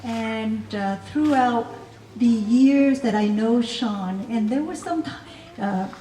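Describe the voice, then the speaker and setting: A woman with a fairly high, mellow voice gives a wedding toast slowly and hesitantly, with many fillers. She is picked up from a distance in an echoey room. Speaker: former colleague giving a toast. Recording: echoey room, distant mic, faint noise.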